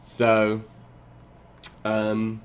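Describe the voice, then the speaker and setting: A man's voice: on the low side, completely flat delivery, extremely slow. A man streaming live, reacting to a video with sarcastic commentary, laughing often and talking to his chat.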